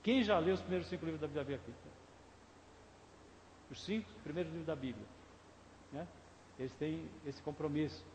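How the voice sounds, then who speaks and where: Brazilian pastor preaching in echoey church. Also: male voice, on the high side, moderate pace, long pauses, a little mellow, slight background noise. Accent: Brazilian Portuguese. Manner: conversational preaching, asks the congregation questions. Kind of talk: sermon. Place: church sanctuary. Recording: echoey church hall, faint ambience.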